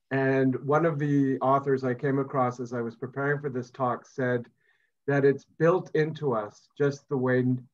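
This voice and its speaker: A man's voice: medium pitch, lo-fi sound. A middle-aged man, a psychiatry professor and psychotherapist, giving a reflective remote talk over a video call, often restarting his phrases with small fillers. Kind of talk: remote talk to an online audience.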